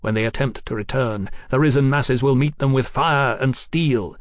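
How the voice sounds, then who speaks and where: Acting a character in an audiobook, a man plays a haughty, grandiose young revolutionary full of zeal, speaking in an orator's declaiming style. His natural mid-range voice moves at normal speed, with studio-quality sound and no echo.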